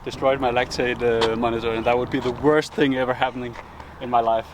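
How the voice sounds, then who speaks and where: A young man chatting casually in a vlog about his training day, relaxed and hesitant with frequent ums. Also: mid-range voice, brisk, echoey room. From Denmark. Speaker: professional triathlete vlogging. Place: outdoors near roads. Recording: outdoor traffic noise.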